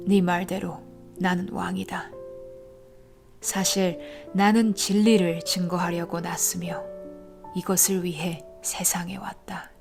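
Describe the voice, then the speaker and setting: A woman doing a calm, solemn man under trial, speaking softly and evenly in a low, flat, unhurried voice. Gentle guitar music plays clearly behind this dramatized scripture reading. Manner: soft, hushed, measured delivery. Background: soft guitar music.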